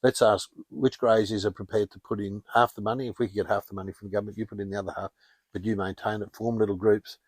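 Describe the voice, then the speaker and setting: Older aussie bloke yarning away, low husky voice, dry sound. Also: male voice, flat delivery, quick pace, a little mellow, dry recording. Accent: Australian. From Australia. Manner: chatty, anecdotal, wry. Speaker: podcast guest. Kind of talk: casual interview storytelling.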